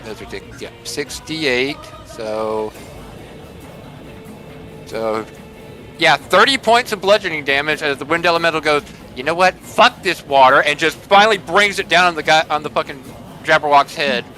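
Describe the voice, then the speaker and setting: A man's voice: fairly high pitch, animated, normal speed, pushed and bright, faint music behind. A man playing a tabletop game over voice chat, chatty and swearing as he explains his moves. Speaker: player. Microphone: online voice chat.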